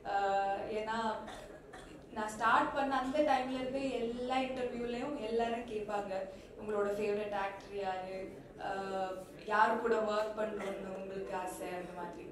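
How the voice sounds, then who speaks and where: A woman giving a thank-you speech on stage at a film launch, switching between Tamil and English, pausing often with fillers. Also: medium pitch, fairly even intonation. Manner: unhurried, with many pauses and fillers. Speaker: actress speaking at a film launch. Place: large event hall. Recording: echoey hall from far off with crowd.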